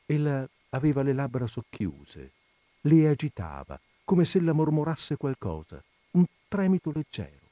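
A man narrating a classic literary story in a measured, unhurried reading, recorded close to the mic. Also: a little high, big pitch swings, mellow, no room sound. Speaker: reader of literary stories.

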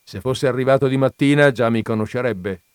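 A man's voice: mid-range voice, brisk, smooth, no room sound, clean studio sound, close to an everyday voice. A man reading an audiobook, voicing a fat, jovial middle-aged man who is garrulous and boastful, chatty and confiding.

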